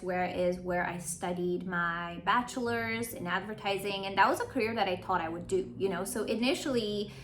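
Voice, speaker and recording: A woman's voice: medium pitch, a bit bright, slight background noise. A woman in her late twenties from Romania, an astrologer talking through her travels in a chatty vlog, often checking in with "right?". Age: late 20s. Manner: chatty, explains terms with tag questions. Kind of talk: casual explanatory vlog.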